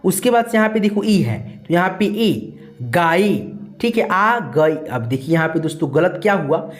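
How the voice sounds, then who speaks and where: A man's voice: sits high, lively intonation, moderate pace, soft background music. Patient man teaching a video lesson. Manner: repetitive, patient, talks to viewers as friends. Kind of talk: online lesson explaining letters and spelling.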